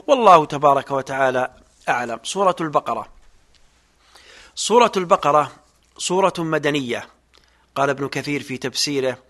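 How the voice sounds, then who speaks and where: A man delivers a religious lesson in formal Standard Arabic. His voice sits at a middle pitch. He explains scripture as a teacher does, in a didactic manner. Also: a bit bright. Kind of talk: religious lesson on Quran exegesis.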